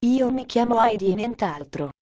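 Woman reading as a blunt, calm little girl. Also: fairly high pitch, moderate pace, no room sound, muffled recording, lightly acted. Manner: short, calm, blunt answers. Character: plain-spoken eight-year-old mountain girl.

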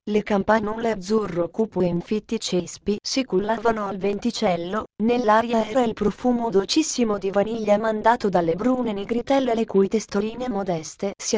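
A woman's voice: mid-range voice, darkish tone. Woman reading a children's classic aloud. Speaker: narrator.

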